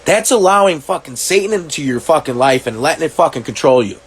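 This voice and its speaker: A man talking to camera, reacting to clips, swearing often and working out his thoughts aloud with halting restarts. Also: a little high, animated, breathy edge. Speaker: commentary vlogger. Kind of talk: reaction monologue.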